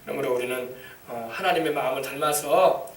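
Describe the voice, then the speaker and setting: A man's voice: mid-range voice, a little fast. A man preaching a sermon as a pastor, emphatic and repetitive, drawing responses from the congregation. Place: church sanctuary. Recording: echoey church, mic far off.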